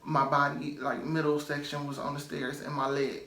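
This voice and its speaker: A man's voice: on the high side, flat delivery, normal speed, vocal fry, pushed and bright. A man telling a personal story in a loose, chatty way, full of "um" and "like" and repeated phrases for emphasis. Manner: loose, chatty, many "um" and "like" fillers. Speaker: storytime vlogger. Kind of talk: casual storytelling. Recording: roomy echo, faint music behind.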